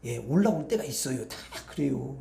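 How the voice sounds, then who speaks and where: A man's voice: mid-range voice, lively intonation, fairly quick, gravelly, mellow, echoey room. A man pastor preaching at an evening prayer meeting, talking to the congregation in a colloquial, conversational way and often asking them rhetorical questions.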